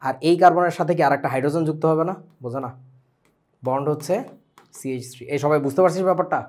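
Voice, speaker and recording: A young man with a Bangladeshi Bengali accent teaching a chemistry class online, lively and full of questions to his students. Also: a little high, rapid-fire. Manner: lively, asks students questions often, mixes English words.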